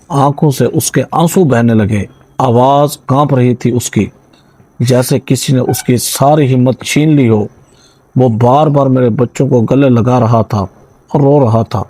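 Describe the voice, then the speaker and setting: Husky male storyteller, dark tone. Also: mid-range voice, no room sound, poor audio. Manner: steady dramatic first-person reading. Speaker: narrator. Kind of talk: scripted storytelling narration.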